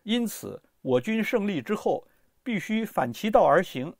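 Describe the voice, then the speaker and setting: A man narrates a history audiobook with lively, expressive storytelling. His voice is high and swings widely in pitch. The recording is dry and close, with no room sound. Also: measured pace, vocal fry, dry recording.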